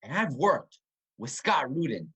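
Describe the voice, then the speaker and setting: A man's voice: medium pitch, measured pace, breathy edge, full character voice. A man playing an anxious casting director who pleads and frets in an online amateur comedy sketch. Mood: fretful. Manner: pleading, fretful, lively. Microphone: video call.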